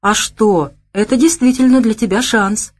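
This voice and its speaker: A woman's voice: on the high side, moderate pace, pitched above the performer's own voice, close to an everyday voice. A woman voicing a hearty, effusive middle-aged male general. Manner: warm, effusive.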